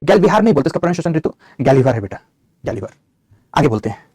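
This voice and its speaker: A middle-aged man teaches geography over a map, talking fast with a husky, slightly raised voice. He calls his students "beta", answers their questions and dictates headings for their notes. The sound is close and dry. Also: medium pitch, no room sound. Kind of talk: online map lecture.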